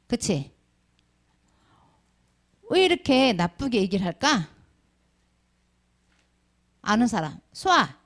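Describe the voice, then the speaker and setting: A middle-aged woman teaching a Sunday school lesson, calling on children by name and asking them questions. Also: mid-range voice. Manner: calls on children by name and asks many questions. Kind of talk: children's sermon with questions to the class.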